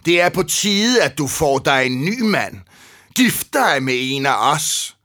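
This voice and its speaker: A man voicing a sneering, arrogant male suitor leader in a storybook reading, drawing out his jeering words slowly. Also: a little high, very animated, bright, forceful tone, voice pushed up. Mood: mocking. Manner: slow, drawn-out jeering.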